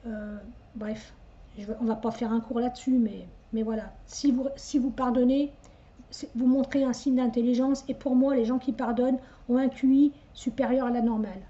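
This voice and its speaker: Rambling middle-aged woman medium, mellow voice. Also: on the high side, steady tone, normal speed, highs cut off. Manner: rambling, many hesitations and stuttered restarts; talks directly to the listener, chatty and insistent. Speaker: psychic medium. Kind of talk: casual spoken reading to viewers.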